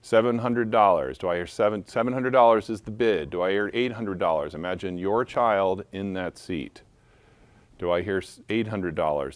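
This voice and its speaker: A man with a deep, low voice runs a benefit auction, calling bids and tossing in playful jokes as he goes. The sound is dry and close, with no room echo. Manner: playful, joking asides between bids. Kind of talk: live charity auction calling.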